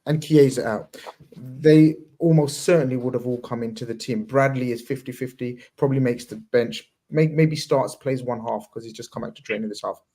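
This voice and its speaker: A man's voice: medium pitch, normal speed, dark tone. A man hosting a casual chat, talking in a rambling way with slang and many restarts. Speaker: podcast host.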